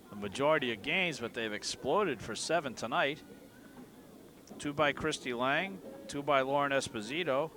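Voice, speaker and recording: Man, play-by-play sports commentator, monotone delivery, press booth, noisy outdoor background. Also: mid-range voice. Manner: self-described monotone delivery. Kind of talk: high school sports commentary.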